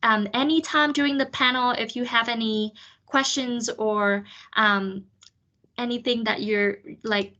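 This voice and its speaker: A woman's voice: on the high side, sharp tone. A woman hosting an online student panel, explaining things chattily with many fillers. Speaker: panel facilitator. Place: video call.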